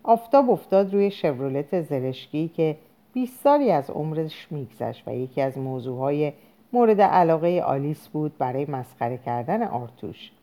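A woman narrating a novel aloud in an expressive storytelling manner. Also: low-pitched. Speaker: audiobook narrator. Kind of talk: scripted narration.

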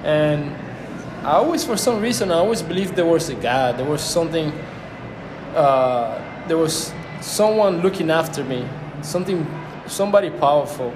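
Speaking at a normal speed in a slightly high voice, this young man from Cuba, a native Spanish speaker, chats casually as an interview guest. He is reflective and often hunts for the right words. Background noise and a roomy sound fill the recording.

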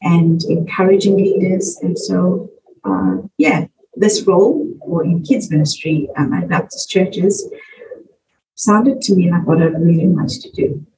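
Her lowish voice comes at an unhurried pace as this middle-aged South African children's ministry worker answers a podcast interviewer conversationally. The audio is muffled, from a distant microphone, and carries faint noise.

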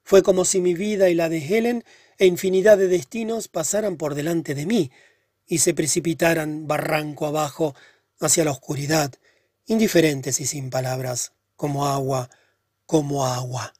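A man narrating a literary short story in a measured, earnest way. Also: a little high, darkish tone, dry recording, studio quality. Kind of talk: scripted audiobook narration.

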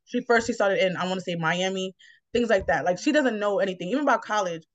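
Speaking fast in a mid-range voice, a woman from New York, United States hosts a casual, reflective talk and explains things in a wandering, encouraging way. The sound is dry, lo-fi, and a touch dull.

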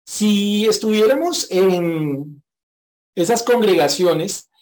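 A man's voice: high-pitched, expressive, darkish tone. Frank, conversational male preacher. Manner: reads scripture aloud, then explains it in a frank conversational way; repeats the verse slowly with rising emphasis. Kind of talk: sermon.

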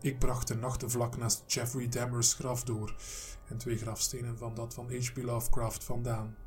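A man's voice: medium pitch, completely flat delivery, normal speed, a little mellow, soft background music, natural voice. A man reading a defiant journalist's inner voice. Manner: inner monologue, stubborn. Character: defiant male journalist talking himself up.

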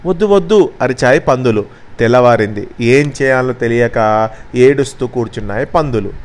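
Brief: male storyteller, children's tale, measured and expressive, mid pitch.

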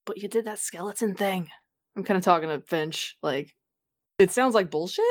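A woman's voice: on the low side, moderate pace. A woman bantering as a tabletop game player in casual slang, blunt and irreverent, with some swearing.

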